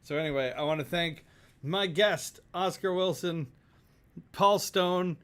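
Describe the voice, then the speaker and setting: A man's voice: high voice, unhurried, a bit bright, smooth. A man hosting a casual live-streamed talk show, joking and laughing easily as he wraps up. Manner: joking, laughs often, loose with fillers.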